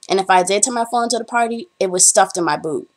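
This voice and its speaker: A young Bahamian woman, a college student, chats casually to the camera, rambling through stories with lots of ums. She has a mid-range voice and talks fast.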